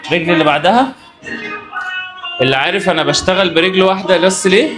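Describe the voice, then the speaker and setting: A man's voice: high-pitched, quick pace, music in the background. A man with an Egyptian accent vlogging his workout in a gym, joking with the cameraman and giving coaching tips. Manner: joking, teasing banter between sets; coaching instructions. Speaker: fitness vlogger. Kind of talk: casual workout vlog.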